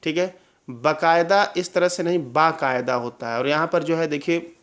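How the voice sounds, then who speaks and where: A man teaching an exam-prep Hindi lesson, drilling correct spellings and checking with quick questions. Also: a little high, a bit bright. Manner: drills answers with repeated questions and "clear?" checks.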